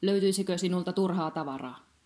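A woman's voice: lowish voice, dark tone, natural voice. A woman voicing a gloomy, eccentric male collector in a cloak, who talks tersely and turns things down fussily. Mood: terse, eager. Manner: terse, sighing, fussy refusals.

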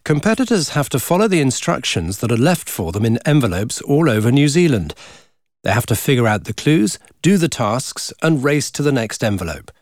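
A man narrating a scripted adventure race story in a dramatic, animated way. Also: mid-range voice, moderate pace, no room sound, clean studio sound.

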